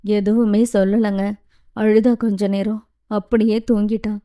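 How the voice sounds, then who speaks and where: A woman reading the part of a gentle, tearful mother who soothes her child. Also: medium pitch, little pitch movement, measured pace, lightly acted. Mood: soothing.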